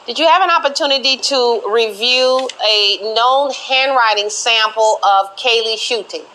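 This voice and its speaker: A woman's voice: fairly high pitch, a little slow, bright, forceful tone, low-quality recording. A woman TV court judge questioning people in a stern, authoritative manner.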